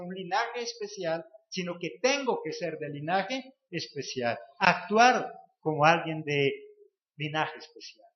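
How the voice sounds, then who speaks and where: A man delivers a sermon in a fairly high voice, pressing his listeners with question after question and repeating key phrases. The sound is roomy and echoey, caught on a muffled, lo-fi recording in a church. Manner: asks the congregation rhetorical questions, repeats phrases for emphasis. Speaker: preacher.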